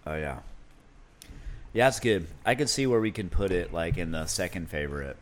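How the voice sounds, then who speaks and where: A man with a low voice hosts a casual beer-tasting chat. He rambles easily, leaning on "like" and "you know". His delivery is loose and unhurried. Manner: relaxed, rambling, with many fillers like "you know". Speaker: podcast host.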